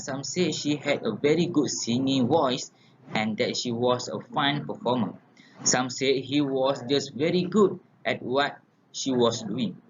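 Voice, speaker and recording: A young man with a Malaysian accent reading a class presentation aloud, stumbling and restarting now and then. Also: mid-range voice. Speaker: student presenter. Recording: lo-fi with clear background noise.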